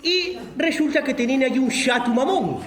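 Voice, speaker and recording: A man with an Asturian accent tells a comic folk tale in an earthy, animated way. His voice is strikingly high for a man and swings widely, and the roomy space echoes around him. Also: moderate pace, heavy background noise. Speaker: storyteller.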